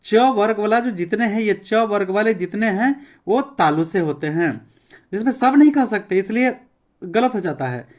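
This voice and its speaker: A male teacher gives a classroom grammar lesson. He says sounds one by one, slowly and with care, and keeps urging listeners to pay attention and try them aloud. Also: high voice, animated, darkish tone. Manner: repeats sounds slowly, enunciating each one as a demonstration.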